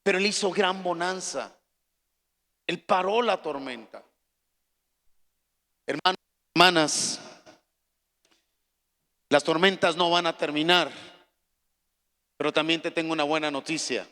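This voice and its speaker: A man preaching a sermon as pastor, swinging from soft, hushed pleading to loud, shouted calls to the congregation. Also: a little high, unhurried, long pauses, big-room sound.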